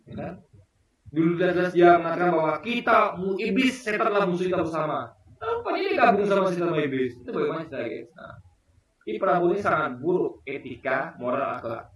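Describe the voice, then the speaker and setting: A man's voice: sits high, very animated, fast. A man giving casual spoken political commentary to his viewers, emphatic, asking rhetorical questions and addressing them directly. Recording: very echoey room, voice far from the mic.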